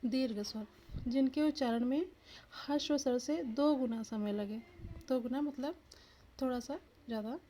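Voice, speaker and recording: A woman's voice: high voice, moderate pace, warm tone, a little hiss or hum. A woman teacher giving an exam-prep lesson, asking the viewer questions and sounding out each letter aloud.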